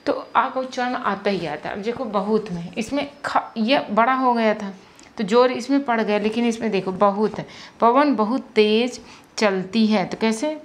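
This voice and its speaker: A woman teaches a lesson in a somewhat high-pitched voice. She is patient, repeating words and spelling them out letter by letter.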